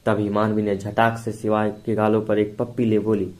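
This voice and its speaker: A man's voice: fairly low pitch, completely flat delivery, moderate pace, darkish tone. A man narrating a serialized love story steadily for listeners.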